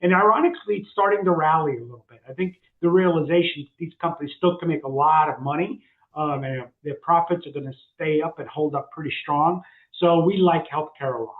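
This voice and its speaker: A man with a fairly high voice talks through market sectors in a casual, halting way, full of fillers and restarts. He sounds thin and phone-like, with a roomy echo around him. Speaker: co-host, financial advisor.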